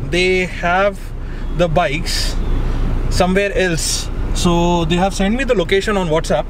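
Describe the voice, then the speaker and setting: A man's voice: high voice, a little slow. A man in his thirties with an Indian English accent, chatting casually to the camera from inside a car, rambling with many fillers. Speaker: motovlogger. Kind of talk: casual vlog narration. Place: inside a car in city traffic. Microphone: camera mounted on the dashboard. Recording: clear traffic noise in the background. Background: traffic noise.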